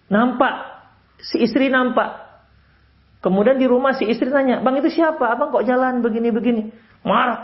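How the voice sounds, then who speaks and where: A man preaching a sermon lecture, swinging from raised exclamations to quiet low advice. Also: dull audio. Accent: Indonesian. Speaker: Islamic preacher.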